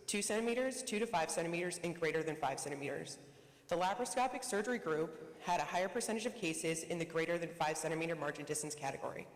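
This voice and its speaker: A presenter races through prepared study results at a medical conference. The voice carries a lot of room echo and a long hall tail. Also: mid-range voice. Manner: reads quickly from a prepared script. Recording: echoey conference hall reverb.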